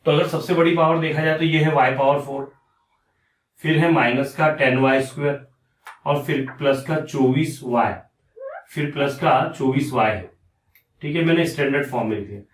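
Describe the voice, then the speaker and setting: A man's voice: fairly high pitch, steady tone, normal speed, reverberant, far from the mic. A man teaching a maths lesson step by step, repeating each step and asking and answering his own questions. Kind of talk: explaining step by step on a board.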